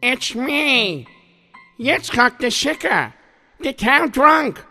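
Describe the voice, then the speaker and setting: Man putting on a creaky, shivering, stammering town drunk. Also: very high voice, big pitch swings, extremely slow, pushed and bright, faint music behind, voice pushed up, heavily acted. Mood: shivering, pleading. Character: freezing town drunk, pleading man at the door.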